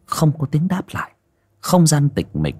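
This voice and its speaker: A man narrating a ghost story in an expressive storytelling way. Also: a little high, a little slow, slightly rough. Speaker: audiobook narrator.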